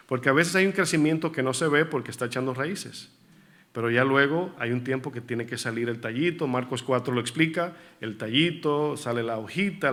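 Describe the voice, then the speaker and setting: A man's voice: medium pitch, a bit bright. A male pastor preaching a sermon in church, often asking the congregation questions and repeating key words for emphasis.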